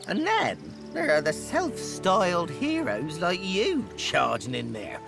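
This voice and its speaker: A man's voice: high-pitched, creaky, heavily acted. An actor voicing a grumpy, fussy male frog in a video game, grumbling with crotchety scorn. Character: grumpy, fussy male talking frog, indignant neighborhood complainer. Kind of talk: video game character acting.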